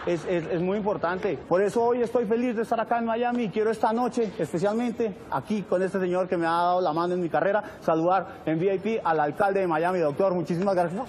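A man's voice: sits high, brisk, few pauses, darkish tone, slight background noise, lightly acted. A man playing a brash comic small-town comedian. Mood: boastful. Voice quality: brash, joking, shifts to silly baby talk. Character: boastful comic middle-aged male rural comedian. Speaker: stand-up comedian character. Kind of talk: comedy film acting.

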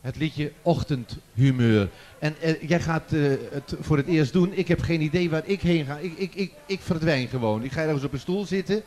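A man's voice: on the high side, normal speed, darkish tone. Playful man hosting a live stage show. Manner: jokey, chatty, teasing the audience. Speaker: presenter of a children's song contest. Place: large festival tent before an audience. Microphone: handheld stage microphone.

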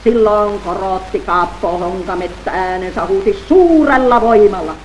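A woman performing a comic dialect monologue with an Ostrobothnian Finnish accent, theatrically switching between shouted character voices, on a 1929 gramophone record. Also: medium pitch, dull audio, slight background noise.

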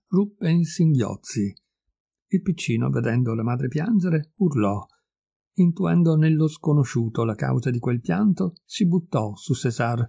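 A man reading a classic short story aloud, measured and expressive. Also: mid-range voice, vocal fry, husky. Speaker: audiobook reader. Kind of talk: literary reading.

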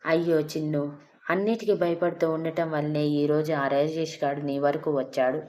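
A woman voicing a relaxed young man who coaxes and advises his cousin. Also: sits low, normal speed, natural voice. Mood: coaxing. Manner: relaxed, coaxing. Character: easygoing protective young man.

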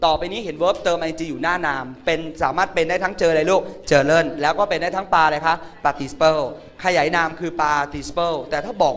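Campy male tutor, high voice, comic classroom drill style, chants vocab lists. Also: fairly bright tone. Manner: flamboyant and campy, teasing students. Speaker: English tutor. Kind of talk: comedic classroom grammar lesson.

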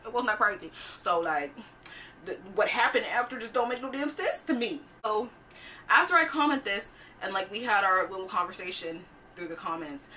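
Young woman vlogger telling a story in an animated, profane, chatty way, with a bright tone, recorded off-mic over faint noise. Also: mid-range voice, recorded from a distance. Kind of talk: storytime vlog.

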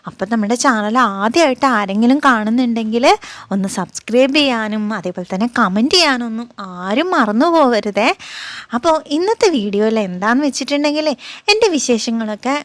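A cheerful little boy, voiced by a woman, chats to his viewers in a high voice, leaning on friendly tag questions. The sound is close and dry, with no room in it. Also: animated, fairly quick, fairly bright tone, no room sound. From Kerala, India. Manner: chatty, coaxing, tag-question storytelling. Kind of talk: first-person vlog narration as her child.

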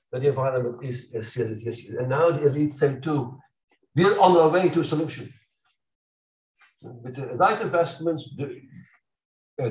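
An older man from Belgium giving an academic lecture, animated and ironic, with mocking asides and sudden loud outbursts. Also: fairly high pitch. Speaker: university lecturer. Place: lecture hall. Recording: echoey hall from far off.

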